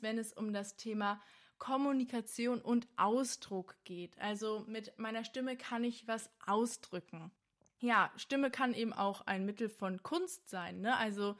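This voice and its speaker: A young woman with a slightly high voice hosts a podcast about the power of the voice. She talks straight to the listener in a casual, earnest way. She often pauses and restarts as she thinks aloud. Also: a bit bright. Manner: earnest, searching, with fillers like "also" and "ja". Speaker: podcast host and voice coach.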